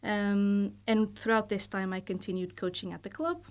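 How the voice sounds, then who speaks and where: Here a Portuguese-accented woman in her thirties, a university lecturer, is the guest on a casual podcast interview in a studio. Her voice sits mid-range with a steady tone, and she comes across as thoughtful and measured, hedging often with fillers.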